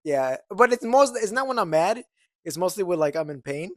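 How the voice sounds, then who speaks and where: A young man chatting on a podcast in a rambling way, with a slightly high voice. The sound is dry and close, with no room around it. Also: expressive, normal speed, no echo. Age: young adult. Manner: rambling, full of fillers and restarts. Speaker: podcast co-host. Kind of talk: casual chat.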